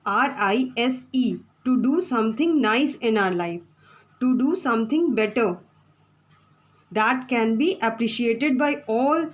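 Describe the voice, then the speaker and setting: Slow-speaking woman teacher. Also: fairly high pitch, animated, low-quality recording. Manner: slow, repeating points and spelling out words. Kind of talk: classroom lesson, reading from the textbook.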